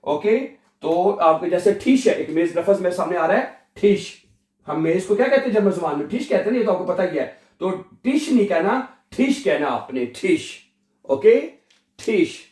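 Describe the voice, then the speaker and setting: A man's voice: high-pitched, darkish tone, echoey room. A man teaching a language lesson, drawing out words and checking in again and again. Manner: drawn-out repetition, checks in with "theek hai?" constantly. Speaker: German teacher.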